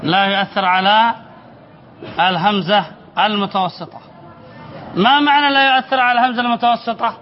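A man gives a spelling lesson as a sheikh before his students, his voice pitched very high. He poses questions, answers them himself and repeats key phrases slowly. The recording sounds somewhat dull, with a faint hiss behind him. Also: steady tone. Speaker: sheikh teaching Arabic spelling. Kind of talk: classroom lesson. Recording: slightly dull recording with faint background noise.

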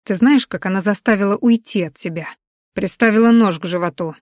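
A woman reading the part of a bitter, scornful young man in an audiobook, lowering her voice and sneering. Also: a little fast, darkish tone, no echo, clean studio sound, lightly acted.

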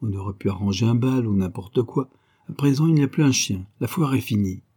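A man's voice: mid-range voice, brisk, mellow, slightly rough, lightly acted. A man reading aloud the lines of a proud, touchy father who coaxes his daughter to make peace. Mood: coaxing.

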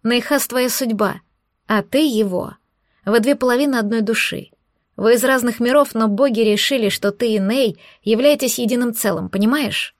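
A woman doing a gentle coaxing demoness. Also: on the high side, moderate pace, no room sound, clean studio sound, close to an everyday voice. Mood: earnest. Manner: soft, coaxing, reassuring. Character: gentle persuasive female demon, devoted sister.

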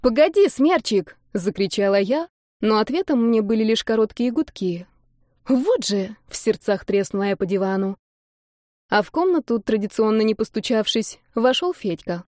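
A woman's voice: medium pitch, animated, normal speed, darkish tone, no room sound, studio quality. Woman narrating a romance audiobook. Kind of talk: first-person audiobook narration.

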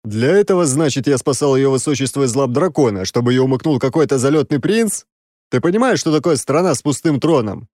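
A man voicing an exasperated six-armed male demon who scolds loudly and sarcastically, in a dry, close recording. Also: mid-range voice, expressive, a little fast, no echo, close to an everyday voice.

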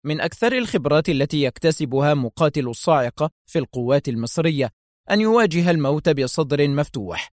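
A man narrating a thriller novel aloud in a steady, dramatic storytelling manner. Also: fairly high pitch, dry recording, studio quality.

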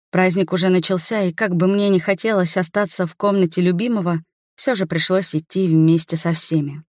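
A woman narrating an audiobook in the first person, in a measured, expressive way. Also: fairly low pitch, no echo, studio quality.

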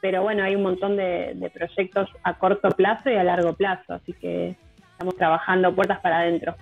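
A woman in her thirties with an Argentine accent, a musician guest talking in a relaxed, hesitant way with many fillers. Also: lowish voice, fairly quick, creaky, no echo. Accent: Argentine Rioplatense. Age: 30s. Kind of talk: casual radio interview. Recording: tinny phone line with music bed.

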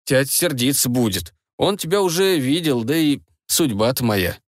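A man voicing a naive fifteen-year-old prince in a storybook, sulky and drawling. The voice sits a little above the reader's own, with lively swings in pitch, recorded dry and close. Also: moderate pace, dry recording, natural voice. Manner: whiny, drawling.

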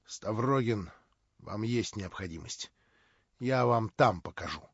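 Give me an insistent, scheming young man, as a male narrator puts him on, lively and pressing. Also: on the low side, takes it slowly, creaky, breathy edge, no room sound, dull audio, pitched below the performer's own voice, exaggerated voice. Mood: urgent.

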